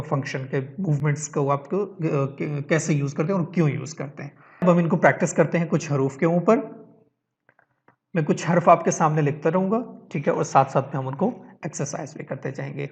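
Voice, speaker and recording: A man's voice: a little high, vocal fry, a little mellow, lo-fi sound. A man teaching an online lesson on reading, explaining step by step, checking in with his listeners and mixing English words into his talk.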